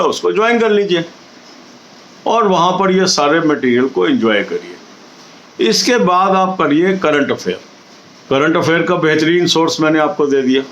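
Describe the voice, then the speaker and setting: A middle-aged man speaks in a slightly raised register. He coaches exam candidates with steady, instructive advice aimed straight at his viewers. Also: on the high side, muffled recording.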